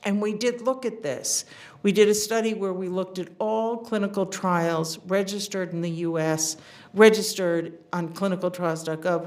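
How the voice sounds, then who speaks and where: Earnest woman lecturing with many fillers. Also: on the low side. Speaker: invited seminar speaker. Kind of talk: academic lecture.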